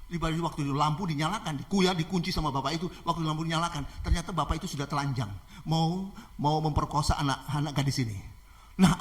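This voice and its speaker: A man preaching a sermon, telling a story animatedly with many repeated "ya"s. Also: a little high. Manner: animated, repetitive with filler "ya".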